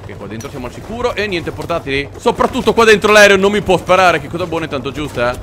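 A man, giving excitable, jokey let's-play commentary as he plays a war game. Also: fairly high pitch, fast talker, background noise. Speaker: gaming commentator. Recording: game gunfire behind.

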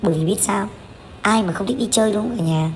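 A woman's voice: mid-range voice, quick pace, slight background noise. A woman in her thirties narrating a family vlog as voice-over, candid and chatty, with many fillers and restarts. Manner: candid, chatty, with frequent fillers and self-corrections. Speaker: vlogger.

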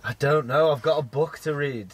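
A woman's voice: low-pitched, moderate pace, a crowd in the background. A woman hosting a casual chat, easygoing and laughing often as she asks playful questions. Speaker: podcast host interviewing a child.

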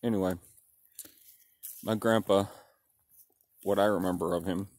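A man in his fifties from the United States, slowly reminiscing in a rambling way that keeps circling back with "anyway", talking with a pipe in his mouth. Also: low voice, steady tone, darkish tone. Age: 50s. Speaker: pipe-smoking vlogger. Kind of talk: casual reminiscing monologue.

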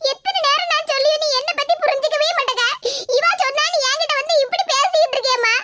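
A woman's voice: extremely high pitch, fast, heavy background noise. A woman voicing a defensive young college student in a cartoon, with a Kanyakumari Tamil accent. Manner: pleading, defensive. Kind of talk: cartoon comedy dub.

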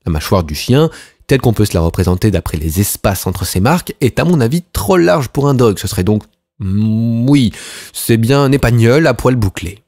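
A man's voice: medium pitch, lively intonation, normal speed, a little mellow, dry recording, clean studio sound, close to an everyday voice. A man reading an audiobook and voicing a brilliant male detective who lays out his deductions in a confident, precise manner. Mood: lecturing. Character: brilliant, self-assured male detective, dry and incisive.

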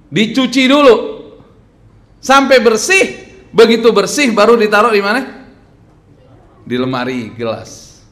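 A man in his thirties giving a lively sermon at a lectern, quizzing the audience and joking between points. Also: mid-range voice. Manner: animated, quizzing the crowd, joking. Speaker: preacher. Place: mosque hall lecture at a lectern. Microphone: stand mic on lectern.

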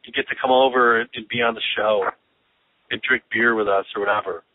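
In a casual phone chat between friends, this American man, a podcast host, rambles through sardonic rants while sounding slightly congested and out of breath. His medium pitch stays fairly even and he talks a little fast; the muffled lo-fi call audio has no echo.

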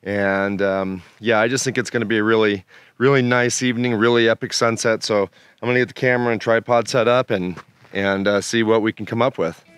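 A man in his thirties chatting casually outdoors by a lake, relaxed and rambling with plenty of fillers, recorded on a camera mic. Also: on the low side, brisk, clear, resonant tone, dry recording. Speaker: outdoor photography vlogger. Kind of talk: casual on-location vlog talk.

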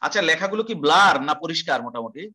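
A male teacher lectures an online class in a high, bright voice. He talks quickly, with a forceful edge. He explains step by step, repeats key terms and poses questions to his students. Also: lively intonation.

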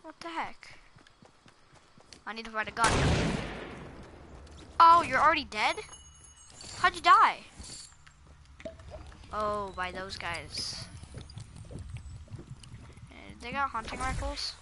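Female gaming host, casual play-by-play, silly and reactive; slightly high, unhurried delivery. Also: noisy background. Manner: excitable, silly, reacts loudly to the game. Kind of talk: casual gameplay commentary. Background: game music.

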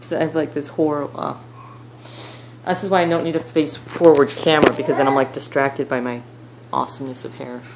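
A young woman telling a story to camera at home, rambling with lots of fillers and animated retellings. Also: deep voice, brisk. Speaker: vlogger. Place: at home, child nearby. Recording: noisy home recording with clicks.

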